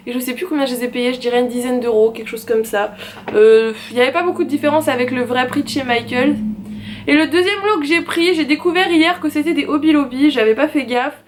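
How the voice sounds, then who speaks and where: Chatty high-voiced young woman vlogger. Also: brisk, slight background noise. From France. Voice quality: chatty, self-mocking, lots of sighs and fillers. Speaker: craft vlogger. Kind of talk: casual haul video.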